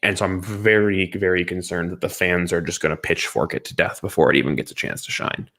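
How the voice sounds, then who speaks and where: A man with a low, slightly bright voice talks a little fast as a co-host of a casual, opinionated podcast reviewing movies and games. He speaks emphatically, repeating phrases for stress.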